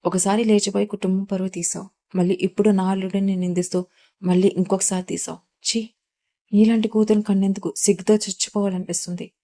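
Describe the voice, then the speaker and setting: A woman's voice: medium pitch, little pitch movement, fairly quick, warm tone, close to an everyday voice. A woman reading the part of an angry, ashamed middle-aged father who speaks harshly and with scorn. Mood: scornful.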